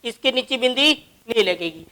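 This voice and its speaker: A woman's voice: a little high, lively intonation, moderate pace, bright, forceful tone. A woman teaching a grammar lesson, explaining each example word by word.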